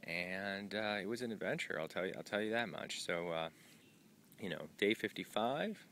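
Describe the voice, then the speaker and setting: A man's voice: lowish voice, lively intonation, moderate pace, bright, forceful tone, slight background noise. A man filming an outdoor vlog at a trail shelter on a long hike, talking loosely with many fillers. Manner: rambling and informal, with many "uh" and "um" fillers. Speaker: thru-hiker vlogging his trail day.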